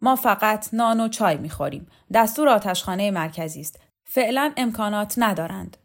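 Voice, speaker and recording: A woman reader voicing a coarse, domineering woman revolutionary leader who talks loudly and with contempt in an audiobook. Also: mid-range voice, lively intonation, close to an everyday voice. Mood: stern. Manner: loud, insulting, contemptuous. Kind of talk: audiobook character voice.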